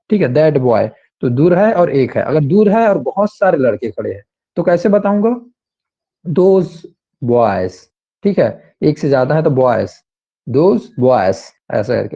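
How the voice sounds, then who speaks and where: A man's voice: a little high, warm tone, muffled recording. A man teaching an English grammar class online, explaining patiently and repeating examples with many fillers.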